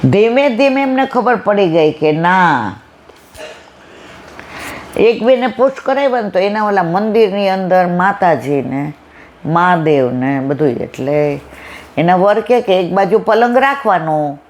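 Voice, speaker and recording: A woman's voice: on the low side, lively intonation, unhurried, long pauses, darkish tone. A woman giving a devotional satsang talk, acting out family dialogue in a folksy storytelling style. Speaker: satsang speaker.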